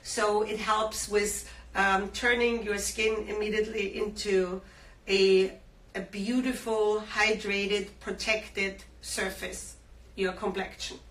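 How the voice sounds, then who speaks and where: A woman from Austria, hosting for a skincare brand, leads a live shopping-show interview packed with fillers and enthusiastic sales talk. Her medium-pitched, fairly bright voice is slow and flat, and the recording is roomy, with a distant mic and faint hum.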